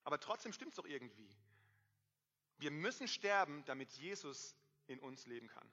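A man in his thirties preaching a sermon to a congregation, lively, swinging between loud emphasis and quiet asides. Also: a little high, normal speed. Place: church hall. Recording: dull, reverberant hall sound.

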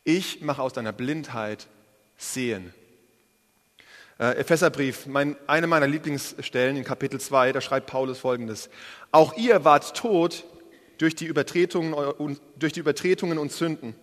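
A man preaching a sermon in a lively, casual way, speaking straight to the congregation. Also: medium pitch, normal speed. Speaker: pastor. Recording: preached in a large hall with long reverb.

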